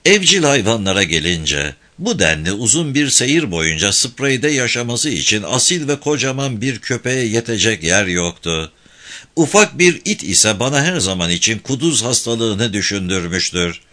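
Lively man reading an audiobook. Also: on the low side, normal speed. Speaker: audiobook narrator.

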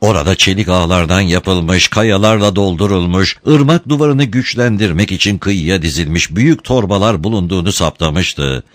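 Casting: low-voiced male storyteller, lively, dramatic delivery, dry close recording. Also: moderate pace, few pauses, no room sound. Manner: expressive, dramatic reading. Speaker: narrator. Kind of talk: audiobook narration.

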